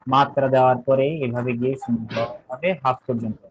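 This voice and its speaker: A man teaches at a middling pitch, slowly spelling out sounds and letters. He keeps checking that his students follow. A faint hiss sits under his voice. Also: flat delivery, low-quality recording. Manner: patient, repeats points and checks understanding often. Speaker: Sanskrit teacher. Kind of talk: online language lesson.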